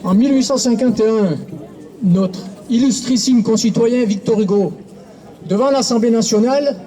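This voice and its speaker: High-pitched, mellow-voiced man giving a rally speech. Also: moderate pace. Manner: oratorical, formal, quoting writers. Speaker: protest speaker. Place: outdoor rally.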